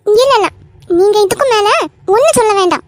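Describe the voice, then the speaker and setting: A woman voicing a quick-tempered young wife in an animated cartoon, with a Kanyakumari Tamil accent and a sharp, scolding manner. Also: very high-pitched, heavy background noise. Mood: angry.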